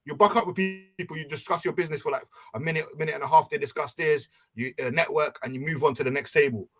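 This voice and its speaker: A man's voice: a little high, quick pace, husky, soft background music. A young man talking casually and promoting an event, heard over a group voice chat on the internet. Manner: animated, promotional, street slang. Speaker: panel member.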